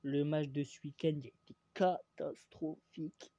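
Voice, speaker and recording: A man's voice: on the high side, steady tone, moderate pace, mellow, no room sound, lo-fi sound. A young man from France rambling through a casual football vlog, hesitant and full of fillers and restarts, teasing and opinionated. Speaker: vlogger.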